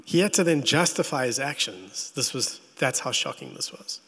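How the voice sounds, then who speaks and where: A man preaching a sermon as pastor. He tells the story in an animated way and makes playful asides to the congregation. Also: mid-range voice, normal speed, husky, long reverb tail.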